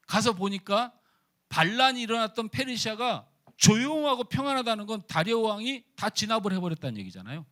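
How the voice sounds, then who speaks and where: Male pastor, sermon delivery, slightly high and very animated pitch, questions the congregation playfully. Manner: asks the congregation questions and teases them; lively, animated preaching. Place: church.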